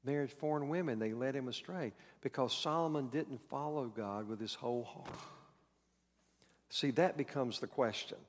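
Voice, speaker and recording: A man's voice: mid-range voice, moderate pace, in a large hall, a little hiss or hum. A man preaching a sermon in a conversational way, acting out quoted lines and repeating key words. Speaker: pastor.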